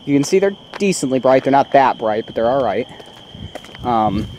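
The low-quality recording, with slight background noise, catches a young vlogger with a mid-range, darkish voice, lively intonation and a moderate pace. Using a handheld camera mic, he films in and around his parked car while casually showing it off, rambling through plenty of ums.

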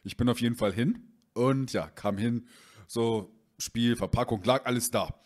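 A man's voice: mid-range voice, measured pace, darkish tone. Rambling young man telling a story. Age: young adult. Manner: rambling with fillers, reenacts dialogue. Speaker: vlogger. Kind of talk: casual storytelling.

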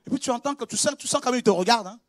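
A very high-pitched male pastor preaching with passion. He drops to a quiet, chatty confiding tone, then bursts into shouts and repeats his words. The sound is dry and close, with no room echo. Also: very fast. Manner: impassioned, swings from quiet confiding to shouted exclamations; conversational, with laughs and repetitions. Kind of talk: preaching a sermon.

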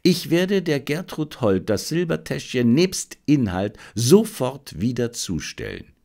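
A man's voice: mid-range voice, sing-song, measured pace, gravelly, warm tone. A male audiobook narrator voicing an intense, fired-up male detective who lectures his assistant urgently.

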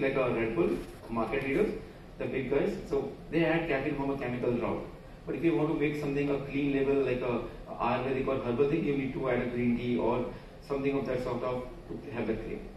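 In a large conference hall, a conference speaker with an Indian English accent talks loosely from a podium, often restarting and using fillers. His voice is medium-pitched and darkish over slight background noise, recorded from a far camera off the podium mic, with echoey, distant hall sound.

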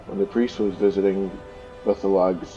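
A man's voice: deep voice, level tone, moderate pace, dark tone, dull audio, faint music behind. A man hosting a game playthrough, reading a book aloud plainly and stopping to explain things with casual fillers. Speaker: let's play host.

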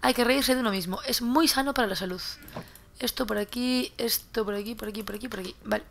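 Her voice is a little high, a bit fast, gravelly and slightly bright, with some hiss or hum on the recording. A young woman from Spain, a gaming YouTuber with a Spanish accent, chats casually through her gameplay, repeating words while looting and cursing when startled.

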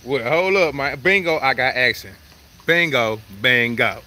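A man vlogging live at an outdoor zoo, joking loudly in slangy banter. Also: mid-range voice, animated, unhurried. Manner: loud, joking, slangy banter with frequent laughs. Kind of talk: casual live vlog.

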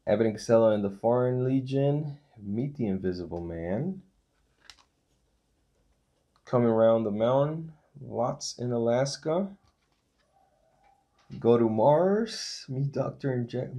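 A man in his thirties hosting a casual unboxing vlog, reading titles off with small relaxed asides. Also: mid-range voice, measured pace, pauses often. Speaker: channel host unboxing a disc set.

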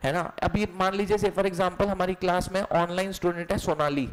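High-voiced joking male coaching teacher. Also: fairly even intonation, moderate pace, rough recording. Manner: playful, joking, quizzes students with repeated call-and-response; mixes Hindi with English phrases. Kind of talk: online exam-coaching lecture. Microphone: online class recording.

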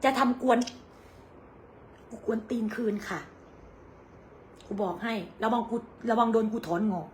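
A woman's voice: a little high, measured pace, pauses often, darkish tone, slight background noise. A young woman with an Isan Thai accent, bluntly scolding her rivals on a livestream in crude, angry words.

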